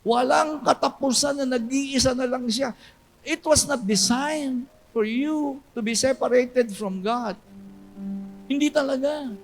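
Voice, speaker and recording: Emphatic high-voiced pastor preaching. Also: male voice, unhurried, gravelly, soft background music. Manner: emphatic preaching, swinging between loud cries and low hushed storytelling. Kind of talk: sermon.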